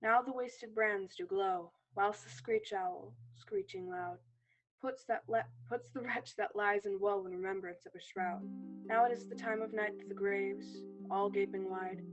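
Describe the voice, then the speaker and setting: A woman's voice: mid-range voice, unhurried, faint music behind, close to an everyday voice, low-quality recording. A woman playing a mischievous male fairy sprite, reciting rhythmic, playful verse. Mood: eerie. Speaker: student actor.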